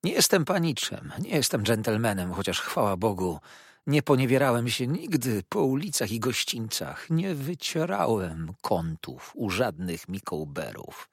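A man voicing a sneering, venomous young male clerk who hisses his words in spite, in a storybook reading, with a husky voice in a dry recording. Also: very animated, measured pace, dry recording, heavily acted. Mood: spiteful. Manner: hissing, shrill, spiteful.

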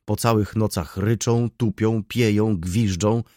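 A man voicing a fussy, complaining middle-aged baroness landlady in an audiobook, with a shrill, plaintive delivery. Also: steady tone, a little slow, darkish tone, no echo, clean studio sound, lightly acted. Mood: plaintive complaint. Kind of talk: audiobook reading.

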